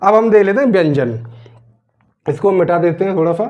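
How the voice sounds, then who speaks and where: On a dull, lo-fi recording, a man with a high, animated voice teaches grammar at a fairly quick pace. He checks in often with "theek hai na" and answers his own questions for his students.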